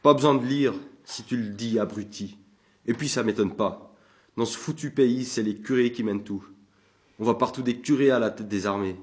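A man's voice: mid-range voice, a little fast, a little mellow, voice pushed up, close to an everyday voice. A man voicing a drunken, brutish soldier sergeant who bellows and hurls insults, in a storybook reading. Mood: drunken ranting.

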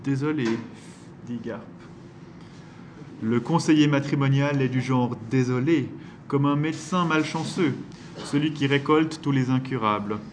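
A man narrating a novel in a steady, measured reading voice. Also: medium pitch, a little hiss or hum. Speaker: audiobook narrator.

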